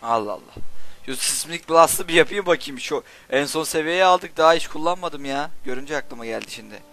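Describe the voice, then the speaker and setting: A young man hosting a gaming channel, casually commenting on play, joking and swearing excitedly at the game. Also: on the high side, a little fast, faint music behind.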